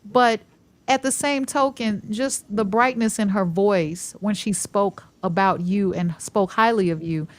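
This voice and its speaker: A woman's voice: medium pitch, measured pace. A woman hosting a talk show, chatting effusively with rambling, enthusiastic questions. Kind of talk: casual interview chat.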